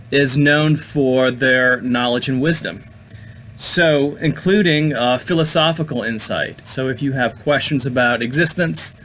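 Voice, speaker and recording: A man's voice: medium pitch, bright, forceful tone, a little hiss or hum, low-quality recording. A man hosting a casual talk on the occult, meandering with many fillers and restarts. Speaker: host.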